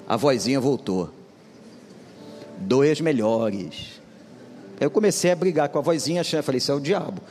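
A man's voice: on the high side, a little mellow. A male pastor delivering a humorous storytelling sermon, speaking animatedly and addressing the congregation directly. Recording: long hall reverb with music behind.

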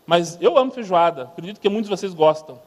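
A man with a Brazilian Portuguese accent gives a humorous church testimony as a missionary speaker. He tells stories in a lively way and mimics sounds. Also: high-pitched, fast, long reverb tail.

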